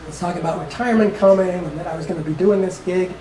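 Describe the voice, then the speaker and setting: A woman's voice: fairly low pitch, rapid-fire, mellow, far from the mic. A woman in her sixties, a coach, giving a casual talk with chatty, laughing asides while losing her voice. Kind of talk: casual talk to a small audience. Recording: echoey room with audience noise.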